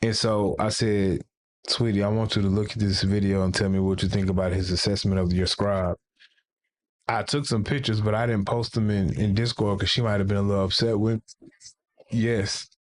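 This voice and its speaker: A man's voice: fairly low pitch, little pitch movement, moderate pace, a little hiss or hum. A man hosting a casual tech livestream, rambling and playful and often restarting his sentences. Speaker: livestream host.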